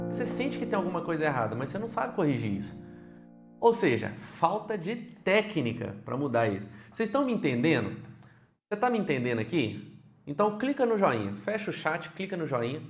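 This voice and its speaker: A Brazilian Portuguese-accented man gives an online keyboard lesson in a slightly high voice, asking the viewer questions as he goes. The room is echoey, and soft keyboard notes play behind him. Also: brisk, faint music behind. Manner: lively, talks straight to the viewer with frequent questions. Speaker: keyboard teacher.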